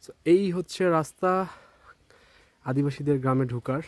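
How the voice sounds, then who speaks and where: A Bangladeshi man with a medium-pitched voice talks at a normal pace as he walks rural trails through a village and tea garden. He's a travel vlogger giving chatty, relaxed commentary sprinkled with English words.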